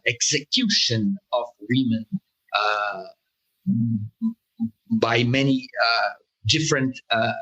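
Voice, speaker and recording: A man with a Brazilian Portuguese accent speaks as an interview guest, talking haltingly, with many fillers and restarts. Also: medium pitch, sharp tone, slightly rough, dull audio. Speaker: political cartoonist, guest. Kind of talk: interview conversation.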